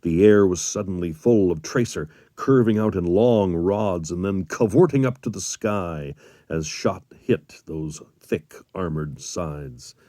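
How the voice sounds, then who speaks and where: Deep-voiced man reading a war memoir. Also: dark tone, no room sound, studio quality. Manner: measured, dramatic storytelling. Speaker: audiobook reader. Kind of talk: reading a wartime memoir aloud.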